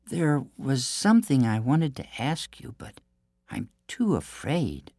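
A clever, frightened young princess pleads and coaxes in a raised, lively voice, as a man reads her part. There's a husky, gravelly grain beneath the lifted pitch. The sound is dry and close. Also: takes it slowly, no echo, full character voice. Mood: coaxing. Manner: high, urgent pleading.

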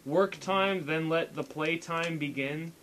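Young man, podcast host, rambling casual chat, slightly high pitch, light background noise. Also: takes it slowly. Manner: rambling, stammering, reads posts aloud.

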